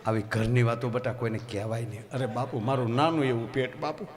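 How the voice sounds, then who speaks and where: A man's voice: steady tone, fast talker, a crowd in the background. A man with a Gujarati accent telling a folk story on stage, acting out the characters with dramatic swings in his voice. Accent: Gujarati, Saurashtra. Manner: dramatic storyteller who acts out characters, big pitch swings. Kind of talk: live dayro storytelling to an audience. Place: live stage program.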